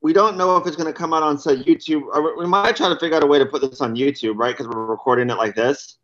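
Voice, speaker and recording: Loose-talking podcast co-host, lo-fi sound. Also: male voice, a little high, fast talker, a bit bright. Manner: loose, rambling, with restarts and laughs. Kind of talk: casual chat. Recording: dull lo-fi sound.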